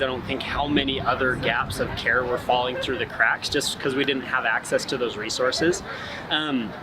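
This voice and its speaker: A young man, a medical student, talking casually and reflectively in an interview clip. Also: medium pitch. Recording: noisy background.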